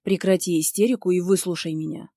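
A woman voicing a cold, stubborn young man with flat, clipped lines in an audiobook. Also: on the low side, a little fast, dry recording, clean studio sound. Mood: cold firm. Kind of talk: audiobook dialogue.

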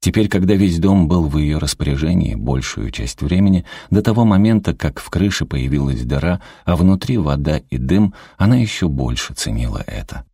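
A man narrating an audiobook in an expressive, lively storytelling manner. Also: very deep voice, normal speed, creaky, few pauses, breathy edge, dry recording, studio quality.

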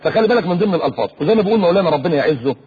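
Fast, husky Egyptian preacher. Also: male voice, high voice. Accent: Egyptian Arabic. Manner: rapid, animated, mimics voices mid-talk. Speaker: preacher, radio guest. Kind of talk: lively preaching talk. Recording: dull lo-fi radio recording.

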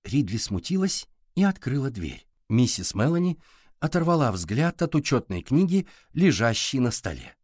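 A man narrating an audiobook with expressive storytelling. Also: medium pitch, normal speed, no room sound, studio quality.

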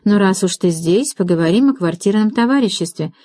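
A woman reading the lines of a calm, businesslike young man in an audiobook, in a matter-of-fact, persuasive way. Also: mid-range voice, a little fast, no echo, close to an everyday voice.

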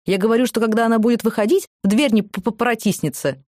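A woman voicing a bossy, indignant woman inmate who shouts her opinions. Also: a little high, fast, no echo, studio quality, voice pushed up, lightly acted.

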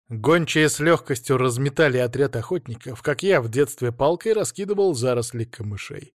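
A man narrating a fantasy novel in the first person with brisk, vivid delivery. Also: mid-range voice, no room sound, studio quality.

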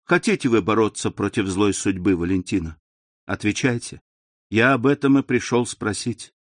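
A man's voice: fairly low pitch, moderate pace, no room sound, natural voice. Man reading ardent young suitor, insistent, close dry sound. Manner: earnest, insistent. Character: young man in love, proud and desperate.

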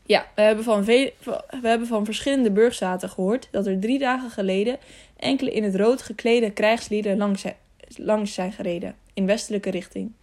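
A woman's voice: mid-range voice, steady tone, moderate pace, darkish tone, lightly acted. A woman reading the part of a serious older male knight who speaks earnestly and measuredly in an audiobook. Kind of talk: audiobook character voice.

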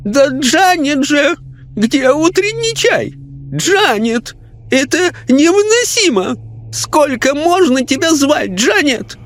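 Man doing a shrill panicked lady spirit. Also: very animated, takes it slowly, a bit bright, exaggerated voice. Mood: imperious. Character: frightened imperious elderly lady spirit.

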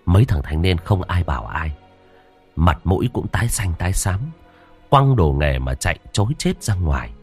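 A man narrating a ghost story in a dramatic, lively storytelling manner. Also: sits low, moderate pace, soft background music.

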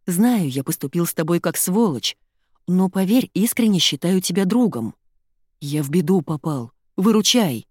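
A woman's voice: on the low side, animated, normal speed, a little mellow, husky, no echo, clean studio sound. A woman reading an audiobook voices a frightened young man who begs and whines for help. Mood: pleading. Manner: begging, whining.

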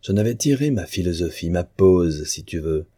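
A man's voice: deep voice, lively intonation, moderate pace, mellow, slightly rough, dry recording, studio quality. A man voicing a bitter, mocking male painter in an audiobook of a novel. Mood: scornful. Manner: sneering, sarcastic.

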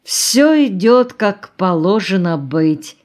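Woman voicing a sententious sad geologist man, preachy maxims, slow delivery, audiobook. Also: mid-range voice, sing-song, darkish tone. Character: male geologist, moralizing and melancholy. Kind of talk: audiobook dialogue reading.

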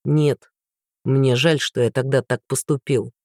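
A woman's voice: extremely low pitch, steady tone, measured pace, darkish tone, no room sound, studio quality, pitched below the performer's own voice. A woman voicing a remorseful young man who pleads earnestly and persistently. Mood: pleading.

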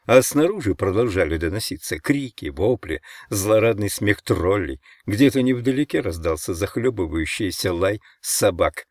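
A man narrating an audiobook in a measured, dramatic reading. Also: fairly low pitch, expressive, darkish tone, dry recording, clean studio sound. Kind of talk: scripted narration.

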